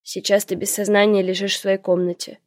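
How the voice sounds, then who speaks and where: A woman voicing a gloomy, blinded old uncle who speaks gravely and firmly. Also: medium pitch, flat delivery, fairly quick, no room sound, studio quality, lightly acted.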